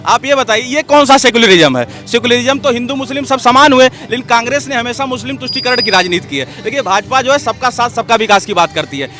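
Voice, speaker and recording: Very high, bright and forceful, this man's voice carries heated political arguments as an interview guest. He pounds his points combatively and emphatically, again and again demanding attention with "look" and "listen."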